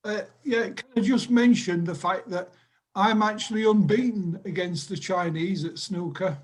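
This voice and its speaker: High-voiced older man from Sheffield telling a story. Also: moderate pace, a little hiss or hum, low-quality recording. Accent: Sheffield English. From England. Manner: chatty storyteller, laughs at his own jokes. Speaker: group member telling a story. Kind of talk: casual anecdote on a video call. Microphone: video call.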